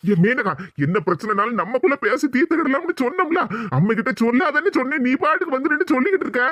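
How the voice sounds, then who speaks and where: A woman's voice: sits high, lively intonation, fast, fairly bright tone. A woman voicing a harried grown son who placates his mother and sister, with a Tirunelveli Tamil accent. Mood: placating. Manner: placating, fretful.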